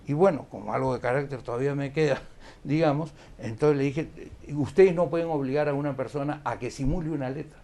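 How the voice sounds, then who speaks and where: A lawyer, a man, telling the story of a past case in an animated way, often restarting his sentences as a guest on a talk show. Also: mid-range voice. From Peru. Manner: animated, recounting events with many restarts. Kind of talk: conversational storytelling interview. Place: studio of a live-streamed talk show.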